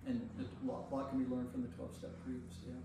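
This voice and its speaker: A priest leads a church Bible study, teaching a discussion group informally and checking in with rhetorical questions. His mid-range voice is monotone, a little fast, and has vocal fry. The recording comes from a very echoey room at the church meeting, with a distant mic and faint noise.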